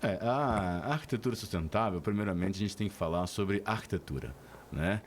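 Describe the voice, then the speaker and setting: A middle-aged man, an architect guest explaining his field in a formal, measured way. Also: fairly low pitch, animated, slight background noise. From Araxá, Minas Gerais, Brazil. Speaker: architect and university lecturer, guest. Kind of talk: radio interview.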